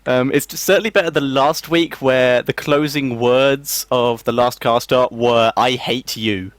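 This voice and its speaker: A man hosting a show, upbeat and quick to laugh as he chats with his guest. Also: mid-range voice, dry recording. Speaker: show host. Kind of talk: casual chat.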